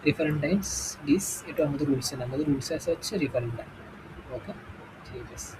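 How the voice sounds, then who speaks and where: A man's voice: on the high side, fast, background noise. A man with a Bangladeshi Bengali accent teaching an exam-prep English lesson, explaining step by step and checking in with "okay?" after each point.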